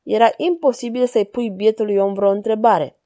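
Warm-voiced woman reading a story. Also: medium pitch, no room sound, studio quality. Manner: calm, even reading. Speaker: narrator. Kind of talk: storybook narration.

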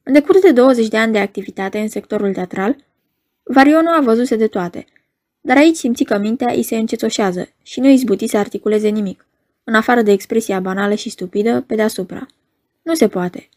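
A woman narrating a novel in a measured storytelling manner. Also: on the high side, darkish tone. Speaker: audiobook narrator. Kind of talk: novel reading.

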